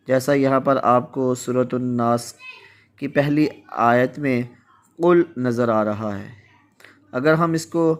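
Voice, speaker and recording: A man from Pakistan teaching Quran recitation, explaining slowly and contrasting how words are pronounced. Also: medium pitch. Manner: slow, explanatory, contrasts word pronunciations. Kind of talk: Urdu tajweed lesson.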